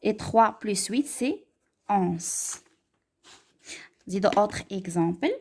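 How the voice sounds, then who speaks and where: A woman with a Moroccan accent teaching a math lesson, stepping through calculations and slowing down to read out examples. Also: mid-range voice, lively intonation, mellow. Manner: switches between French and Moroccan Arabic, slows down to dictate examples.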